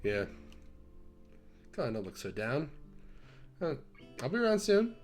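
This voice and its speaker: A man's voice: a little high, huge pitch swings, slow pace, soft background music. A young man narrating a visual novel and chatting casually, joking crudely and laughing often. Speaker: co-host of a visual novel read-through.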